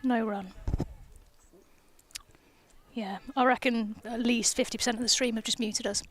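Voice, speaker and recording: A woman's voice: a little high, steady tone, a little slow, fairly bright tone. A young woman, a professional cricketer, co-commentating live cricket on a headset outdoors, chatty and teasing. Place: outdoors under a gazebo at a cricket ground.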